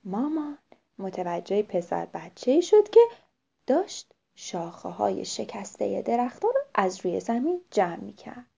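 A woman's voice: medium pitch, gravelly, slightly rough. A woman narrating a children's story, often turning to speak to the children directly. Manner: lively, addresses the children directly. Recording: dull lo-fi recording.

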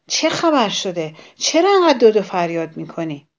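A woman's voice: lowish voice, natural voice. A woman voicing an irritable, sly male fox in a children's storybook, talking in a snappish, mocking way.

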